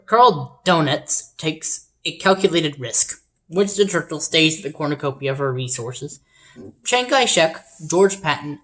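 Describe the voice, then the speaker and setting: A woman with a low, deep-set voice reads game events aloud in a casual way. She stumbles and restarts on names, then throws in wry, apologetic side comments between the lines. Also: fairly bright tone. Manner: reads events aloud, trips over names, adds sheepish wry asides. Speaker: game player narrating events. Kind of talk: casual reading of simulator events with asides.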